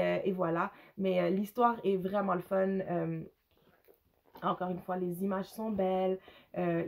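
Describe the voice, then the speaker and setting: A woman with a Quebec French accent and a hoarse, gravelly voice, casually reviewing books in a hesitant, rambling way with English words slipped in. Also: medium pitch. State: hoarse, with a cough. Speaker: book reviewer, mother. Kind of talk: casual unscripted review to camera.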